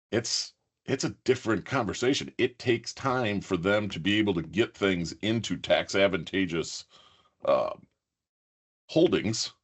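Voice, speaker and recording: A man's voice: deep voice, breathy edge. A man co-hosting a business podcast, talking conversationally and often trailing off and restarting. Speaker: podcast co-host, buyer advocate. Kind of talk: casual podcast chat.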